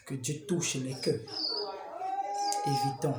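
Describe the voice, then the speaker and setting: A man's voice: mid-range voice, takes it slowly. Man preaching in Congolese French, roomy hall. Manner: conversational, rhetorical questions, chuckling asides. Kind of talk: informal preaching advice. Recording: roomy hall with crowd behind.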